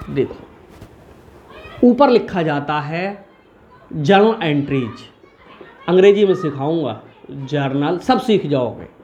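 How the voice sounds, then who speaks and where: A man's voice: a little high, lo-fi sound. A male commerce teacher talks through an accounting lesson in an easy, chatty way. He keeps asking the class questions and then answering them himself. A faint hiss sits under the voice. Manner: chatty, asks and answers his own questions.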